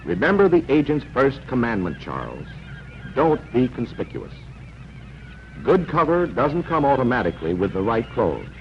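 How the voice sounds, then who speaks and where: A man's voice: mid-range voice, very animated, moderate pace, highs cut off. A man narrating a 1940s instructional film, coaching the listener directly in an instructive manner over an old film soundtrack. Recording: noisy, band-limited 1940s film soundtrack.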